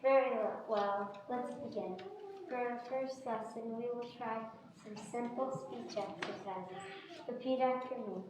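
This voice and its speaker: A distant, noisy, echo-soaked recording of an amateur stage play. A woman plays a proud royal speech tutor with a high voice, formal and theatrical, easily flustered. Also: fairly even intonation, a little slow, lightly acted. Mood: proud, instructing. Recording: echoey noisy hall, distant mic.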